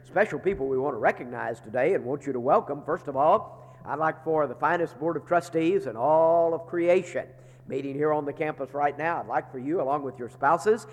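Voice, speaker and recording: A man's voice: a little high, a little fast. Give me a congested man who sounds like he's inside a barrel, in a big echoey chapel. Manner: folksy and joking, with frequent "uh" fillers. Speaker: seminary leader giving chapel announcements. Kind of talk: chapel announcements to students. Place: large chapel. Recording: echoey chapel hall with long reverb.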